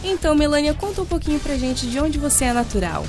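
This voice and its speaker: A woman with a slightly high voice hosts a radio interview show from the studio. She leads her guest along with friendly, prompting questions. Clear music plays beneath her. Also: big pitch swings, fast talker. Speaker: radio host.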